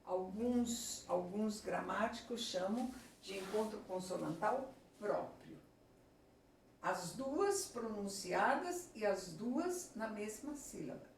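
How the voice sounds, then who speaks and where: A woman teacher with a Brazilian Portuguese accent, giving a slow, deliberate lesson at a board and often checking in with her class. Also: mid-range voice, animated, creaky, a little hiss or hum. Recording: echoey room from far off.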